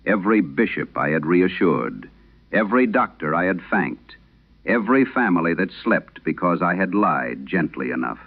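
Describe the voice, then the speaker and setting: For a horror radio play's dramatic monologue, a man plays an aging exorcist priest in a very low, gravel-filled, exaggerated voice. His confession comes in grave, literary, measured phrases, haunted and intense, with sing-song, wide pitch swings. The sound is phone-quality.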